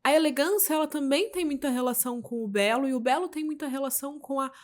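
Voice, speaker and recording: A woman's voice: high voice, quick pace. A woman co-hosting a podcast, talking thoughtfully and often adding little question tags. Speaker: podcast co-host. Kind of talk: reflective podcast talk.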